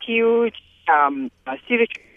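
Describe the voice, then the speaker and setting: A woman calling in over a cell phone line that cuts in and out in choppy bursts, her halting words thin and narrow. She talks slowly and keeps starting over in fragments. The sound is dry and close, with nothing of a room around it. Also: a little high, expressive, no echo. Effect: cell phone line breaking up in choppy bursts. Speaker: caller. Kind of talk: call-in question on a radio show.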